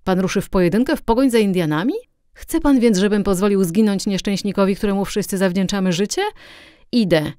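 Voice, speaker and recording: A woman's voice: on the low side, normal speed, hardly any pauses, no room sound, studio quality. A woman playing an agitated, fretful police inspector. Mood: alarmed. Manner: excited, self-reproaching. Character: agitated police inspector, adult man, restless.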